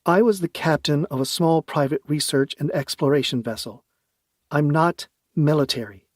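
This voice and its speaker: A man's voice: a little high, normal speed, no echo, studio quality, natural voice. A man voicing a blunt, reluctant young woman starship captain in an audiobook, curt and exasperated.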